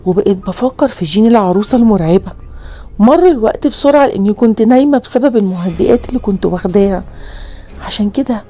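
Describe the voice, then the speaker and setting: Fast-talking Egyptian woman narrating horror. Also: medium pitch, mellow. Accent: Egyptian Arabic. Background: faint music.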